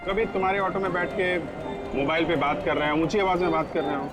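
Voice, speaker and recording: An actor playing a brisk, commanding police investigator in a Hindi TV crime drama. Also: male voice, a little high, steady tone, natural voice. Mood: probing. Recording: music behind the voice.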